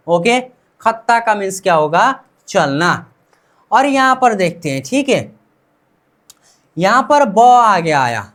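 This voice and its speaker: A man's voice: extremely high pitch, a bit bright. A man teaching Korean pronunciation in a classroom-style lesson, asking "what?" and answering himself and repeating each sound several times.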